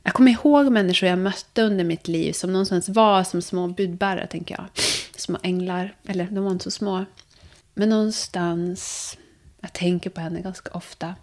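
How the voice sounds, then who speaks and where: A young adult woman speaking softly and reflectively as a podcast guest, sometimes dropping to a hush. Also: on the low side, fairly even intonation. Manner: soft, searching, drifts into hushed whispers. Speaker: guest, vocal coach and therapist. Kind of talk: reflective conversation.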